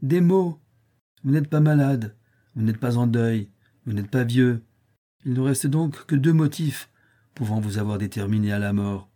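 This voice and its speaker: A man doing a cool, ironic young gentleman. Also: mid-range voice, natural voice. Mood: mocking. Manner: brisk, mocking and self-assured.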